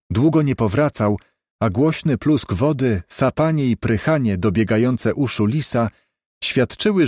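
A man narrating a novel in a steady, measured reading. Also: fairly low pitch, no echo, studio quality. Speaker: audiobook narrator. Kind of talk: scripted narration.

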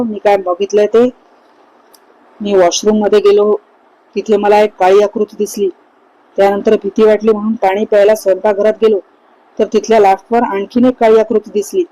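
A woman's voice: mid-range voice, warm tone, natural voice, rough recording. A woman reading the part of a frightened young man insisting he saw ghosts. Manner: urgent, pleading.

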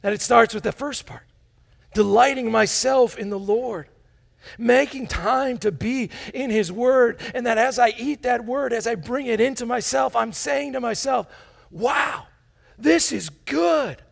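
A man in his forties preaching to his congregation in a church sanctuary, his fairly high voice heavy with gravelly fry. He is animated and playful, pacing the stage and coaxing the crowd to join in. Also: a little slow. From United States. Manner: walks about the stage as he preaches. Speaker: pastor. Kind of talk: sermon. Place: large church sanctuary, indoors.

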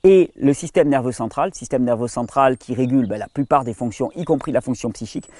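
A French-speaking man hosting a health channel, explaining at length in a casual tone to the viewer, with frequent restarts and study titles read in halting English. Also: mid-range voice, darkish tone, no echo, clean studio sound. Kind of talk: explanatory monologue.

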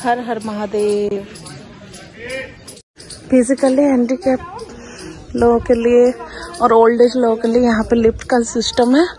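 A woman's voice: on the high side, flat delivery, unhurried, long pauses, rough recording. A woman in her thirties, a travel vlogger chatting to viewers while filming herself on a phone outdoors at a seaside temple. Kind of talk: casual travel vlog. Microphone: phone at arm's length. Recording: loud crowd and outdoor noise.

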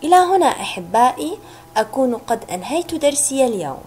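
A woman teaching a recorded reading lesson to young children, sounding out syllables slowly and clearly. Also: sits high, sing-song, darkish tone, a little hiss or hum, poor audio. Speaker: kindergarten teacher.

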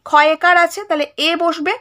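Lady teacher with a high voice, spelling words out slow and patient for little kids, keeps asking if it's clear. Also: level tone, bright, forceful tone. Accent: Bengali. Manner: patient step-by-step spelling of letters, repeated check questions. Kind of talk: online primary-school lesson.

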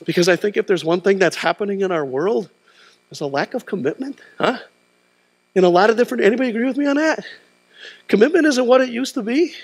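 Preaching in a big church auditorium, this middle-aged pastor has a high-sitting, creaky voice. He walks the stage and draws the congregation in call-and-response style, tossing out questions like "huh?"

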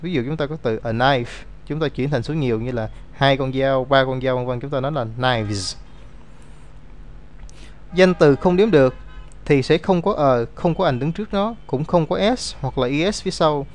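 A man's voice: medium pitch, normal speed. A man teaching an English grammar lesson, explaining rules step by step and reading out example words.

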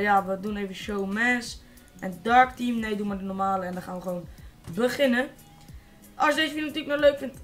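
A teenage boy from the Netherlands giving casual, excitable let's-play commentary, swearing and shouting at opponents. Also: sits high. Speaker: gaming YouTuber.

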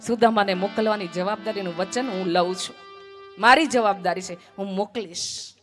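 A woman's voice: medium pitch, moderate pace, faint music behind, lightly acted. A woman storyteller voicing a poor, devoted wife who earnestly insists on giving alms. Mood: insistent.

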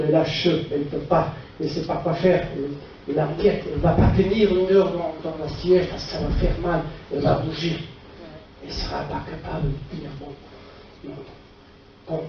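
An older man with a Portuguese accent gives a conference lecture in halting French, asking short rhetorical questions. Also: high voice. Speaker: physician lecturer. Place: dark auditorium stage at a lectern. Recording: echoey hall, distant camera microphone, muffled, faint noise.

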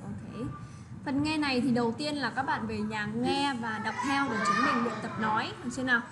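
A woman teaching English words to children, repeating phrases slowly and checking in often with tag questions. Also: a little high. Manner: patient, slow model pronunciation with tag questions. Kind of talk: English lesson for children, explained in another language. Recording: steady background noise.

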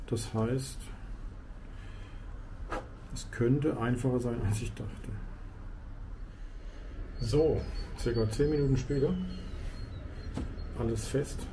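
A man's voice: mid-range voice, fairly even intonation, slow pace, pauses often. Chatty man vlogging from his motorbike. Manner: chatty, explaining hands-on. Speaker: motovlogger. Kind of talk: casual motorcycle vlog. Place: garage and riding outdoors on a motorcycle. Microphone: helmet camera mic. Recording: road and engine noise.

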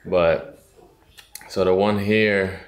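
A man's voice: sits low, little pitch movement, extremely slow. A man, chatting casually and with slang to the camera while vlogging a family trip. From Southern US (Atlanta). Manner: laid-back, slangy, talks to camera. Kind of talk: casual travel vlog chat. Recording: loud background noise while traveling.

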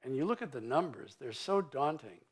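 Older man, mining executive on stage, blunt and emphatic, big sweeping claims, medium-pitched voice, lapel mic. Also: expressive, moderate pace, breathy edge. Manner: emphatic, sweeping and blunt, with vivid turns of phrase. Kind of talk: conference stage interview. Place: conference stage before an audience.

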